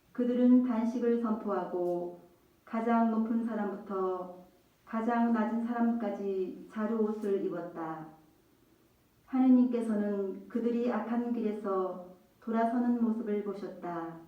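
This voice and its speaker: Woman reading scripture, heavy church echo. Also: a little high. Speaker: lector at Mass. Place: large echoing church hall. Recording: dull, distant, very echoey church.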